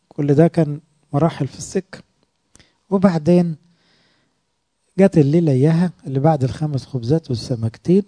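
A male preacher with an Egyptian Arabic accent talks through his sermon in a lively, conversational way, often turning questions to his listeners. His voice sits fairly high yet sounds very dark and mellow. It is recorded close and dry, with no room echo.

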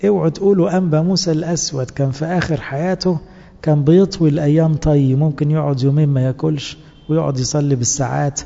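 A man's voice: fairly high pitch, fairly even intonation, fast talker, gravelly, mellow. A man with an Egyptian accent preaching to church servants, earnest and exhorting, full of rhetorical questions. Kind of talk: sermon. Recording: dull lo-fi recording in a reverberant hall.

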